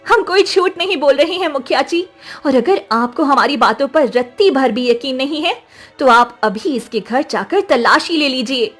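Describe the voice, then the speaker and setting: Bright high young village girl, voiced by a woman, eager and pleading, faint music. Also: animated, normal speed. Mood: determined. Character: brave young village sister, formerly blind.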